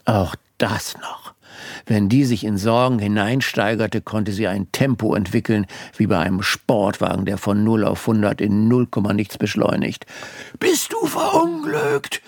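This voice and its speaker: A man's voice: fairly low pitch, fairly even intonation, normal speed, vocal fry, few pauses, darkish tone, dry recording. A man narrating a first-person story in a dry, wry tone. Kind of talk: audiobook storytelling. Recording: dry close studio recording.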